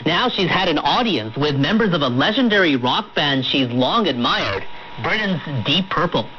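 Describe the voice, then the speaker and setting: A male radio anchor reads scripted news from a studio, heard through shortwave reception that leaves the broadcast muffled and full of static. His voice is on the high side, with lively intonation at a moderate pace.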